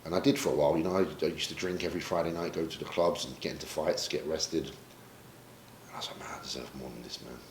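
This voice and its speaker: A man's voice: a bass voice, fairly even intonation, fast, a little hiss or hum. A man from Britain, a pro bodybuilder, talking candidly and emotionally in a sit-down interview, swearing casually as he reflects. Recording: roomy echo, faint ambience.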